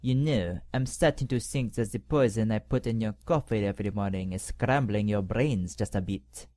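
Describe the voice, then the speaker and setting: A man's voice: lowish voice, moderate pace, darkish tone, no room sound, close to an everyday voice. A man playing a sneering scheming cardinal. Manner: sneering, condescending, mock-polite. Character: scheming power-hungry male cardinal poisoning the pope. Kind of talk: audio drama acting.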